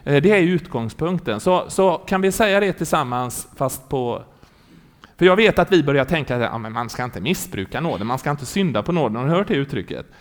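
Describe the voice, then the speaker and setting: A man delivers a sermon in an animated storytelling way. His voice swings widely up and down and sits a bit high for a man. He keeps turning to his listeners to ask if they are following. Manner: animated storytelling preacher, asks the congregation questions. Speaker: preacher.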